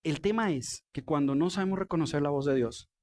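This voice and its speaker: Colombian pastor, mid-high conversational sermon. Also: male voice, brisk, a little mellow. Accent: Colombian Spanish. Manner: conversational, asks the congregation questions. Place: church.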